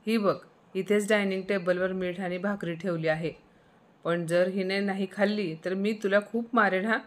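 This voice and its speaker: A woman's voice: mid-range voice, fairly even intonation, moderate pace, natural voice. A woman voicing a spiteful old mother-in-law's ghost. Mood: menacing scolding. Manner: harsh, scolding, threatening.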